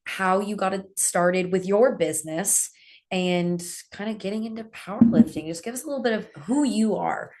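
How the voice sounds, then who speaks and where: A woman hosts a relaxed podcast chat, her voice stuffed up and a bit husky from a cold. She talks in a loose, friendly way, full of small fillers. It sounds like a laptop recording in a small gym office. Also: medium pitch, normal speed. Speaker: podcast host. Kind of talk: casual podcast interview. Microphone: laptop, recorded on a call.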